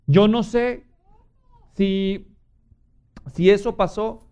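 A Mexican man preaching a sermon with animated storytelling and acted-out voices. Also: sits high, extremely slow, clear, resonant tone, muffled recording.

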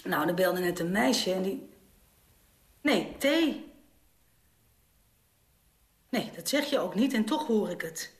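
A woman's voice: medium pitch, lively intonation, slow, long pauses, roomy sound, poor audio. An actress in a radio play as a young woman on the phone with her mother, fussy, caring and exasperated. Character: young woman alone at home, anxious, caring. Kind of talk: radio drama acting.

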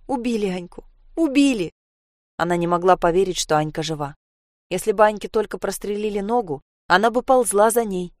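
A woman narrating a story in an even, measured reading. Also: medium pitch, dry recording, studio quality.

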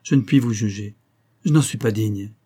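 A man's voice: fairly low pitch, normal speed, husky. A man voicing a pleading, remorseful young wife. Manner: soft, imploring and contrite.

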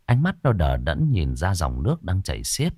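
A man narrating a ghost story in a dramatic, expressive way. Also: sits low, normal speed, husky, no room sound, clean studio sound. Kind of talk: scripted horror narration.

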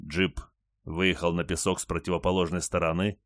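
A man reading an audiobook in an even, measured narration. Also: low-pitched, no room sound, clean studio sound. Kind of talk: scripted narration.

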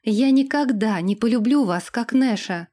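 A woman's voice: a little high, moderate pace, mellow, lightly acted. A woman doing Irga, a fiery young princess. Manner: fervent, fiery. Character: young forest princess, passionate and defiant.

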